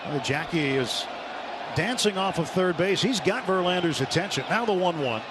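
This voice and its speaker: A crowd murmurs behind a high-voiced, expressive American announcer doing live radio play-by-play of a baseball game. He talks at a normal speed from the stadium broadcast booth, in a noisy ballpark recording.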